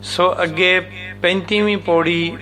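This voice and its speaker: A man teaching the meaning and recitation of scripture, speaking deliberately and repeating words syllable by syllable to show how they are pronounced. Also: high-pitched, steady tone, sharp tone, faint music behind.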